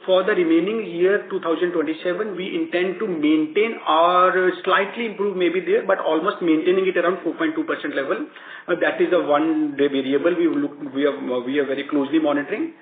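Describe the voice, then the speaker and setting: A man, a bank executive explaining results to analysts on a conference call, halting and rephrasing as he goes. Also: fairly high pitch, steady tone, slight background noise. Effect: heard over a conference call line. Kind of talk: answering analyst questions on an earnings conference call. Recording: tinny echoey conference call line.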